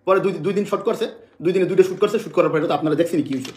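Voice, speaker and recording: A man's voice: sits high, rapid-fire, a little mellow, roomy sound. A man from Bangladesh making an emotional public statement to the press, agitated and repeating phrases over and over.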